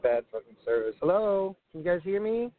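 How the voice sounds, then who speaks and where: A man's voice: high voice, big pitch swings, a little fast, no room sound. A man hosting a call-in show, calling "hello" into a phone call that keeps dropping out because of poor reception, and apologizing to his guests. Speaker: podcast host. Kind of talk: casual live call-in chat. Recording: tinny phone line.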